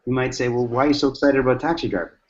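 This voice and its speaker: A man hosting a mastermind session, telling stories and playing every part in them. He repeats his key phrase again and again for emphasis, at a middling pitch. The sound is dull and lo-fi. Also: rapid-fire. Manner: animated, acts out dialogue, repeats lines for emphasis. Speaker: host. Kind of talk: mastermind talk, answering questions.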